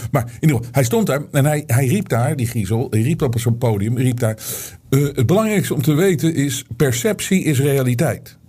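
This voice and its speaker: A middle-aged man hosting his own online show, talking straight to his viewers in a loose, rambling monologue full of fillers and restarts that grows animated when he argues a point. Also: fairly low pitch, breathy edge.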